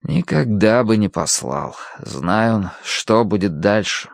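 Worn-out sick old man, low, quiet, slow, read by a man. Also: expressive, vocal fry, no echo, clean studio sound, full character voice. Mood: weary. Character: weary, ill older man in hospital bed.

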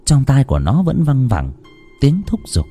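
A man narrating a ghost story with expressive delivery. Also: medium pitch, normal speed, faint music behind.

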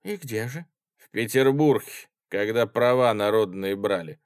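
A little old woman, fussing and fawning in a soft, raised voice, a male narrator doing her. The reading is close and dry. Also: fairly low pitch, measured pace, no echo, close to an everyday voice. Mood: fussy.

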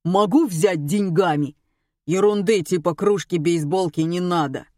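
A woman's voice: lowish voice, dark tone, dry recording, clean studio sound, close to an everyday voice. A woman doing a dim-witted blunt male caller. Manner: blunt, slangy, slow-witted. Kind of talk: audiobook character voice.

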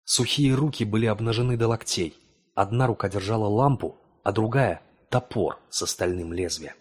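Husky male audiobook narrator. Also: on the low side, normal speed. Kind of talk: scripted dramatic narration.

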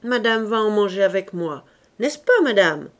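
A woman reading aloud, voicing a boisterous working-class roofer husband who teases loudly. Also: mid-range voice, expressive, moderate pace, natural voice. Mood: teasing. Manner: loud, teasing, bantering.

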